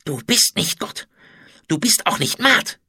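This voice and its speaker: A man's voice: high voice, big pitch swings, unhurried, vocal fry, pushed and bright, slightly rough, no echo, clean studio sound, pitched above the performer's own voice, exaggerated voice. A man playing a hissing, hateful traitor. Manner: hissing, spiteful. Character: hateful defiant male food taster, captive.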